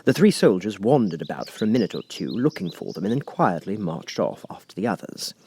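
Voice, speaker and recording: A man reading a children's audiobook as narrator, in an expressive storytelling style. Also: fairly low pitch, a little fast, slight background noise. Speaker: audiobook reader. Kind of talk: animated scripted storybook narration.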